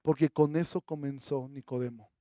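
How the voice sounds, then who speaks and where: A male pastor preaching an impassioned sermon, moving from loud proclamation to soft, intimate appeals. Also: mid-range voice, fairly even intonation, moderate pace, no room sound. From Mexico.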